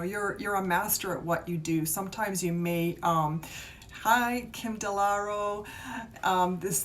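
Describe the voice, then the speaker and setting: A woman gives a casual, encouraging live tarot reading, chatting informally with viewers in a meandering way. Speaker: tarot reader and reiki healer hosting a live stream. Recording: live stream with clear rumbling noise.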